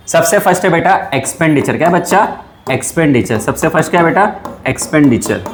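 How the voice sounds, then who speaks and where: A fairly high-voiced man teaches a class in an echoey room. He talks to his students fondly, asks them questions and answers them himself. He says the key terms more than once. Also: a little hiss or hum. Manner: calls students "beta". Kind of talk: classroom lecture.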